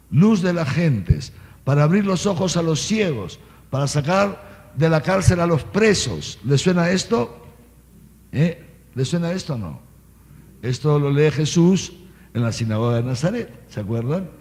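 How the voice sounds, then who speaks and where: A man preaches a catechesis, his pitch sitting a little high and leaping up and down as he talks. He checks in with the crowd through constant little questions and a quick "¿eh?". His voice rings out with a long echo through a big hall. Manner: animated, peppers talk with "¿eh?" and questions to listeners; reads scripture aloud, then explains it in everyday words. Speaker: archbishop giving catechesis. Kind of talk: catechesis sermon to a live audience. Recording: long reverb of a large hall.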